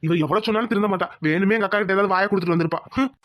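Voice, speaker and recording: A woman's voice: medium pitch, very fast, noisy background, natural voice. A woman voicing a grumbling, scolding middle-aged village husband in a cartoon.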